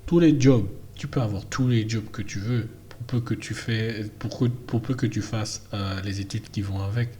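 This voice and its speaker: A man's voice: on the low side, normal speed, few pauses, mellow. A man from French Guiana giving an emphatic, casual opinion monologue with many fillers and restarts. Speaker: vlogger.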